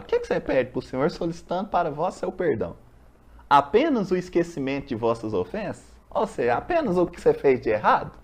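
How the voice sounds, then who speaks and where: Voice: mid-range voice, darkish tone, slightly rough. A speaker with a Brazilian accent leads a casual religious study group, reading a text aloud and explaining it with everyday examples and rhetorical questions. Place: meeting room of a university study group.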